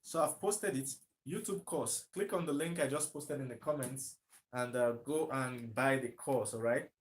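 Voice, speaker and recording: On a live stream, a Nigerian commentator talks to viewers at a moderate pace in a medium-pitched voice. He stresses his points, says things more than once, and asks rhetorical questions.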